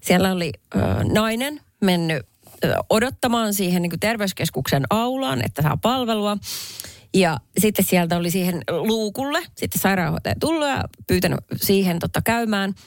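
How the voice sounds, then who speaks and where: A woman co-hosting a casual radio chat, talking expressively with quick, exasperated retorts. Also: mid-range voice, animated, dry recording, clean studio sound. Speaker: radio host.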